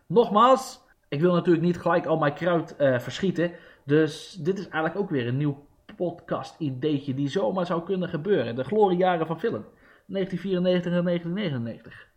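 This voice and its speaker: A man hosting a casual podcast, excitable and rambling, poking fun at himself. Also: high voice. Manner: excitable and rambling, self-mocking. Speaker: podcast host.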